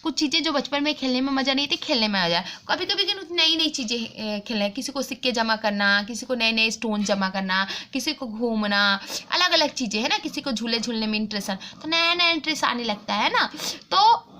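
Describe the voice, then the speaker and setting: A woman's voice: a little high, expressive, fairly quick, hardly any pauses, bright, forceful tone. A woman teacher explaining English words and their meanings, mixing in Hindi and checking in with her students. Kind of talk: online class lesson.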